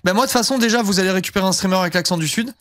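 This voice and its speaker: A man's voice: sits high, very fast, a bit bright, no echo, studio quality. A young man streaming a game, chatting casually and rambling with lots of fillers and casual swearing. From southern France. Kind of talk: casual live-stream chat while gaming.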